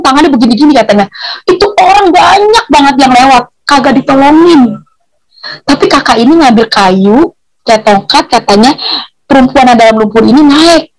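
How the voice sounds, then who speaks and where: A woman's voice: sits high, rough recording. A woman telling her personal faith testimony, emotional and chatty, her voice sometimes breaking into tears. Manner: emotional, voice at times tearful and breaking; informal, chatty storytelling with local slang.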